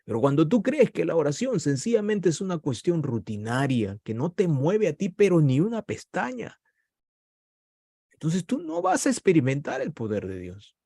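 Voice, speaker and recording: Husky guy preaching hard, voice jumps way up and down. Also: big pitch swings, normal speed, mellow, no echo, studio quality. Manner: impassioned preaching with sudden rises in pitch. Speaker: pastor. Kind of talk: sermon.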